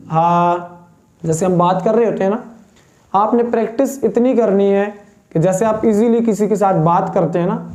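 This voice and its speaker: A man teaching Quran pronunciation, patiently demonstrating each letter sound slowly. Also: high-pitched, warm tone. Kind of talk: step-by-step pronunciation lesson.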